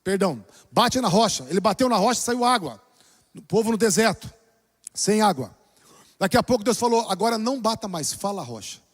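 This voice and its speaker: A pastor with a high voice preaches in a church. He drops to soft, low lines and then rises to loud exclamations. A long reverb from the hall trails every phrase. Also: lively intonation, brisk. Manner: preaching with dramatic shifts between soft and loud. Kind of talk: sermon.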